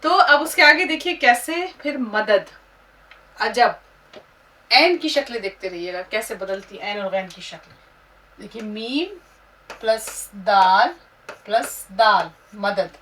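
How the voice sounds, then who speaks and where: Slow, patient woman teaching script. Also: on the high side, pushed and bright. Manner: spells out letters and syllables slowly, recites couplets. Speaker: Urdu teacher. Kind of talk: slow script-writing lesson. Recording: distant mic with faint room noise.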